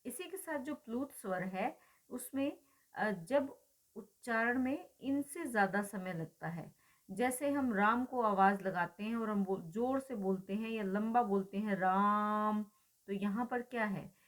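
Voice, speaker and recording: Woman lecturer, steady explanatory delivery, rhetorical questions, drawn-out example sounds. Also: on the high side. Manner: asks rhetorical questions and answers them; draws out vowel sounds as examples. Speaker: teacher.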